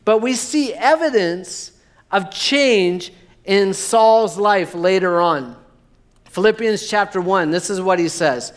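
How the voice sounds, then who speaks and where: A man preaching a sermon, measured and emphatic, slowing down on key words. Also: high voice. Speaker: pastor.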